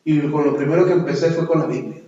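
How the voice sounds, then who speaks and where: A man preaches from the pulpit, his voice high-pitched and emphatic as he calls out to the people. He sounds distant and muffled, swimming in the heavy echo of a church hall. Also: fairly even intonation, fast talker, warm tone. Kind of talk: sermon with personal testimony. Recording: echoey, dull hall sound from far off.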